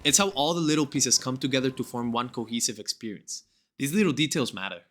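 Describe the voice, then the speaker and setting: Bright-voiced young man, enthusiastic gaming narration. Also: medium pitch, quick pace. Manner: gushing, informal. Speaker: gaming video essayist. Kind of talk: enthusiastic scripted video narration.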